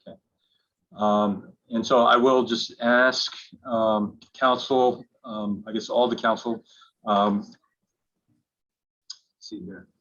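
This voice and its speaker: A man's voice: fairly low pitch, fairly even intonation, fairly bright tone. Man chairing a hearing, dull lo-fi recording. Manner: halting, with many fillers. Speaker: hearings officer. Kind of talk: formal proceeding moderation. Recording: dull lo-fi remote hearing audio.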